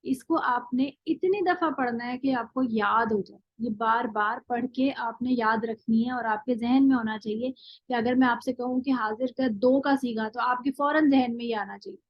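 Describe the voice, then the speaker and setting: A woman's voice: a little high, no room sound, muffled recording. Woman teaching grammar in a lecture. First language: Urdu. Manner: explains step by step, often checks with "thik hai"; drills word forms slowly, one at a time. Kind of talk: classroom lecture.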